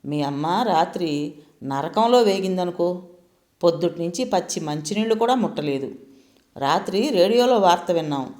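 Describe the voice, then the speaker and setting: A woman's voice: lowish voice, animated, normal speed, darkish tone, lightly acted. A woman voicing a shaken kindly old uncle. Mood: earnest. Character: older uncle, shaken but kindly host.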